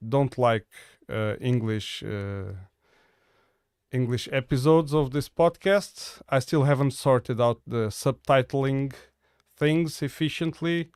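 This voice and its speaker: A man's voice: medium pitch, darkish tone, clean tone, no echo, studio quality. Hesitant man hosting a podcast. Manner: hesitant, many uh fillers and restarts. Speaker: podcast host. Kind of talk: casual interview talk.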